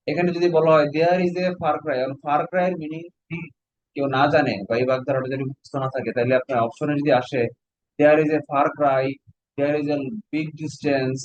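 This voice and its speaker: A Bangladeshi man teaching an online exam-prep lecture, slowing down to spell out examples and tossing questions at his students. His voice sits fairly high for a man. The audio comes through a computer mic on a video call, dry and a little muffled. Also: no room sound. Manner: explains slowly, quizzes students with questions.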